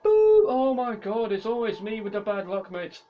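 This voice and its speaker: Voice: mid-range voice, fairly even intonation, a little fast, highs cut off, soft background music, lightly acted. A commentator voicing exasperated, unlucky racing drivers who exclaim and complain in a whiny, blokey way. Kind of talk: acted driver outbursts.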